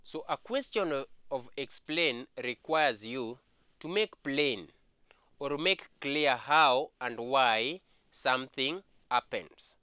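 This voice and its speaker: A man with a Kenyan English accent teaching an exam revision history lesson, speaking slowly and repeating key points. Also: medium pitch, animated, pushed and bright, smooth, dry recording, clean studio sound.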